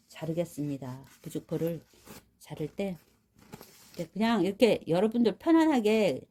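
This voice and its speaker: A woman's voice: on the low side, warm tone, slight background noise. A woman, a florist, giving a casual hands-on tutorial and chatting viewers through each step while she works. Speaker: florist demonstrating flower wrapping. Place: rural home.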